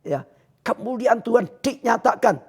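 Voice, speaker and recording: Fervent high-voiced preacher. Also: male voice, lively intonation, a little slow, breathy edge. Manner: preaches fervently, shouting high then dropping to quiet. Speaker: pastor. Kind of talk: livestreamed sermon.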